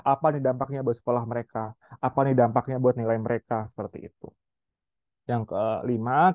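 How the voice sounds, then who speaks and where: Calm patient man giving parenting advice. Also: mid-range voice, dry recording, highs cut off. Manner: calm, patient explaining with filler "gitu ya"; acts out short parent-to-child lines in a gentle voice. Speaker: child psychology educator. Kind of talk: webinar lecture to parents.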